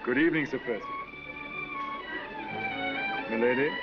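A man's voice: mid-range voice, normal speed, over loud music, lightly acted. A man playing a sly French ambassador, suave and dryly ironic, in 1930s film acting. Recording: dull 1930s film soundtrack with faint hiss.

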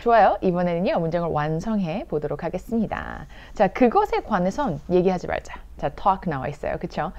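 A young woman teaching English in Korean, with a lively and low-pitched voice. She says example phrases slowly and with care so learners can repeat them. The recording sounds a bit dull and lo-fi. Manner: explains in Korean, reads English examples slowly and clearly for repetition. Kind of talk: online English lesson.

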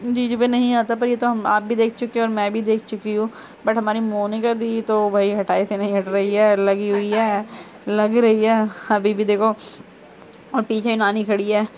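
A woman's voice: medium pitch, completely flat delivery, moderate pace, darkish tone, slight background noise. A young woman vlogger narrating her sister's engagement clips in a chatty, casual way, often repeating "so guys".

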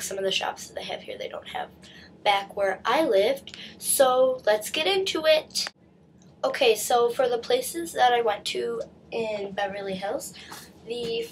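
A teenage girl vlogs a shopping haul on her webcam from a small bedroom, chatting casually with plenty of "likes" and restarts. She's stuffy from a cold. Her voice is mid-range, the webcam sits at desk distance, and there's a little hiss or hum.

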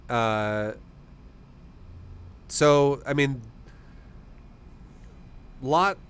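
A man's voice: mid-range voice, drawn-out words. A man in his thirties coaching a gamer in an informal, encouraging way, speaking into a close microphone. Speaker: gaming coach and streamer. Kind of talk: casual coaching talk. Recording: faint background noise.

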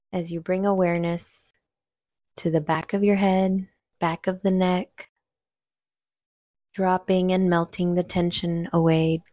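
A fairly low-pitched woman leads a guided meditation in clean studio sound with no room sound. Her instructions are gentle and unhurried, with long pauses between phrases.

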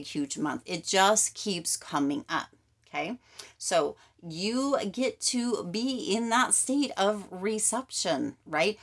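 A woman with a slightly low voice gives an upbeat tarot reading straight to her viewers. She talks emphatically, repeats her catchphrases and keeps checking in with "okay" and "right". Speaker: tarot card reader. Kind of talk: casual tarot reading to camera.

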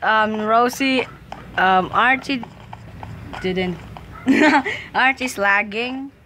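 Young female gaming host, giggly, excitable, slow talker, noisy background. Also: fairly high pitch. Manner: giggly, excitable, shrieks during play. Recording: noisy home recording.

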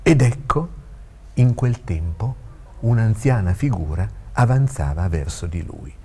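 A man hosting and reading his own story aloud with expressive, varied intonation. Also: fairly low pitch, measured pace, a little hiss or hum. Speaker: host and storyteller.

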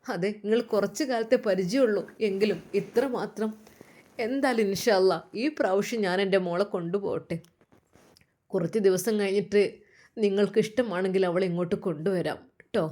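A woman voicing a calm, kindly older father with a Malabar Malayalam accent, coaxing patiently. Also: medium pitch, normal speed, lightly acted.

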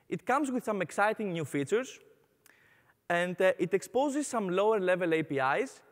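A young man from Greece speaks on stage in a large conference hall, upbeat and Greek-accented, with frequent "uh" fillers. He has a high voice.

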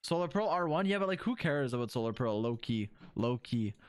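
A man streaming a game and chatting with his viewers, excitable and teasing, swearing often and jumping between joking shouts and low mutters. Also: brisk, smooth. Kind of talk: casual livestream chat with viewers.

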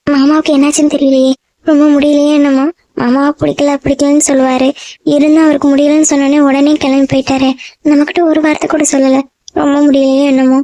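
A woman voicing a sweet, naive young woman in love in a cartoon, pleading and soft-spoken. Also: high voice, level tone, fast, dry recording, natural voice. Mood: worried. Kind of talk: animated cartoon voice acting.

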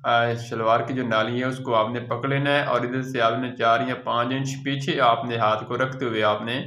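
A man's voice: medium pitch, bright, forceful tone, roomy sound. A man, patiently walking viewers through ironing step by step and checking in after each one. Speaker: tailor teaching ironing. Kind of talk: step-by-step how-to demonstration.

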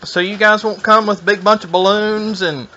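A man with a high, forceful, bright voice talks on the telephone. He is folksy and deadpan, playing slow-witted and naive. The line sounds somewhat dull and muffled. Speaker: prank call recipient. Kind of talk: deadpan phone prank. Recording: muffled telephone call audio.

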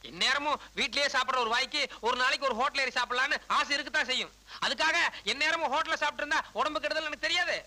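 An actor playing a glib, fussy loan officer and husband in a film comedy-drama, talkative and pleading, dropping in English words. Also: male voice, very high-pitched, very fast, pushed and bright, exaggerated voice, low-quality recording. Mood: coaxing, self-justifying.

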